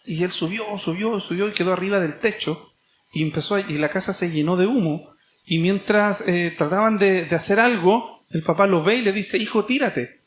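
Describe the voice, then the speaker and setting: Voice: medium pitch, normal speed, slight background noise. A preacher with a Chilean accent giving an emphatic sermon, repeating key phrases and asking rhetorical questions. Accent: Chilean Spanish.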